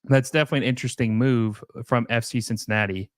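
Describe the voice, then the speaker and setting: A young man hosts a casual live stream, reading viewer questions and answering them in a loose, rambling way full of fillers and restarts. His voice is medium-pitched with fairly even intonation, and he talks fast. The sound is clean studio quality with no echo.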